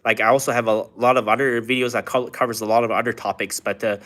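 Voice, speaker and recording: A man's voice: mid-range voice, flat delivery, fast talker, a bit bright. A man from China hosting a casual live stream, reading out chat questions and rambling through answers with lots of filler words. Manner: rambling, filler-heavy talk with many "like"s. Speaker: livestream host reading chat.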